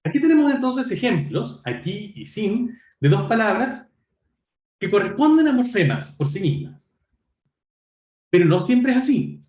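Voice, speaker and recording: A man teaching an online lecture in a high, animated voice that rises and falls. He explains step by step, pauses to check in with his students and often corrects himself. The sound carries a roomy echo. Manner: self-correcting, frequent "perdón". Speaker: university lecturer.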